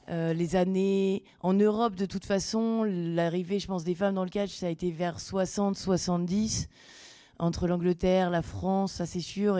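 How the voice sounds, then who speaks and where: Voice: medium pitch, dark tone, dry recording. A person giving an informal, rambling explanatory answer in a colloquial, hedging way.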